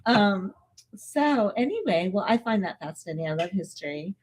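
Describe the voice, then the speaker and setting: A woman's voice: mid-range voice, very animated, moderate pace, darkish tone, breathy edge, rough recording. An older woman chatting casually on a podcast, laughing often and telling stories with animation, recorded outdoors at a desert estate. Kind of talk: casual chat.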